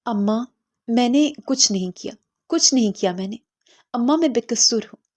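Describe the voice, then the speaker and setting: A woman's voice: fairly high pitch, animated, voice pushed up. A woman voicing a distraught young village daughter who insists she is innocent, pleading and bitter.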